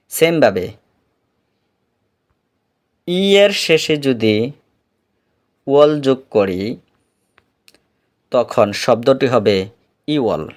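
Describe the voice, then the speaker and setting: Slow, deliberate male language teacher. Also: mid-range voice. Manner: deliberate, repeats each word for drilling. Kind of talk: slow step-by-step lesson.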